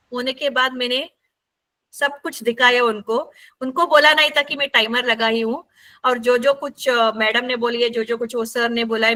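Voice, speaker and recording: A woman's voice: fairly high pitch, bright, forceful tone, rough recording. A woman counselor leading a workshop, telling case stories in a chatty teaching style and often checking that listeners follow. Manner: keeps checking in with listeners, many fillers.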